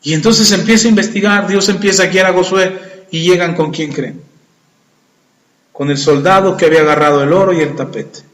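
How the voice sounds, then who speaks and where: A man preaching a sermon, retelling scripture with animated, acted-out dialogue. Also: high-pitched, a little fast. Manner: animated storytelling, acting out voices in quotes. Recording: echoey hall with long reverb.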